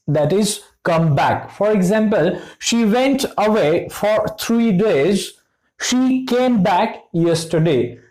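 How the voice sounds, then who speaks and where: A woman's voice: mid-range voice, darkish tone, low-quality recording. A woman teaching a lesson, patiently repeating each phrase and checking in with "okay" before she explains it. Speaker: English teacher.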